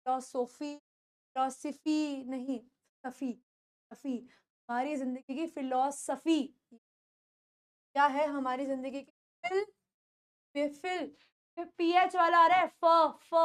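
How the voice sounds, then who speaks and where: A high-pitched woman, a native Hindi speaker, teaches English pronunciation classroom-style. She repeats words and poses questions to her pupils.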